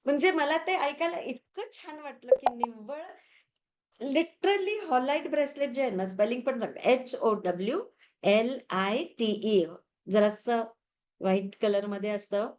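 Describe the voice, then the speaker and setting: A woman's voice: on the high side, a little slow, a little hiss or hum. A woman teaching crystal healing in a chatty storytelling manner, mixing in English words. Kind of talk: lesson.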